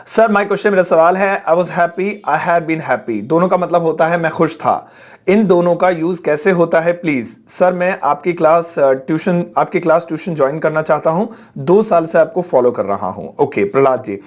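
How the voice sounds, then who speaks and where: A man's voice: fairly high pitch, normal speed. A male English teacher reading out viewers' questions and explaining the answers patiently with everyday examples. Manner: reads each comment aloud, then explains it patiently with everyday examples.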